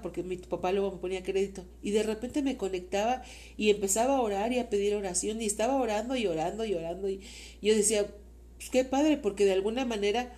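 A woman's voice: mid-range voice, dark tone. A woman with a Mexican accent, a mother talking with her son in an interview, earnest and faith-filled, rambling with many fillers. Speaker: interview guest, mother of the host. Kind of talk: casual heartfelt conversation.

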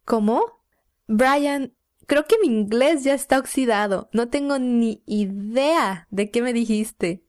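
A woman's voice: on the high side, takes it slowly, darkish tone. A woman from Mexico, playing the student in a scripted English lesson and repeating phrases playfully. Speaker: co-host and student.

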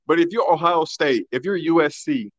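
A man's voice: fairly high pitch, normal speed, a bit bright, dry recording, dull audio. A man co-hosting a casual sports podcast, talking loosely and colloquially, often restarting his sentences.

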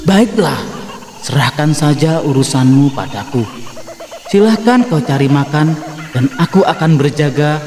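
A man voicing a sly, greedy male crow villain in a storybook, with a low, oily, scheming voice. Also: lively intonation, unhurried, darkish tone, reverberant, long reverb tail, a little hiss or hum. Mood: ingratiating. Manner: sweet-talking, false friendliness. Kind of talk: storybook voice acting.

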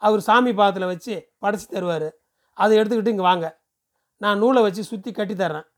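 A man voicing a pushy, smooth-talking male temple ticket seller who lectures briskly and persuasively. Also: sits high, close to an everyday voice. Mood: brisk lecturing.

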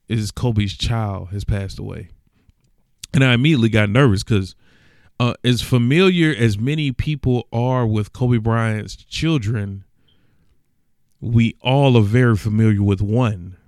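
A man's voice: on the low side, a little mellow, clean tone, no echo, studio quality. A young man telling a personal story in an earnest, emotional way, with casual slang, as if to a podcast audience. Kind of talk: personal reflective monologue.

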